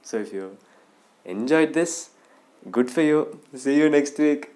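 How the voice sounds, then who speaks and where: A man with an Indian English accent telling comic stories on his vlog, animated and acting out voices. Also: fairly high pitch, slow. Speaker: comedy vlogger. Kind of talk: storytelling stand-up monologue.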